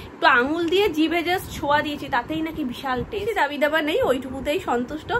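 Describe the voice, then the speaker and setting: Home vlogger, Bengali woman, high voice, noisy room behind. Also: a little fast. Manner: switches to high coaxing talk with a toddler. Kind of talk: casual family vlog talk.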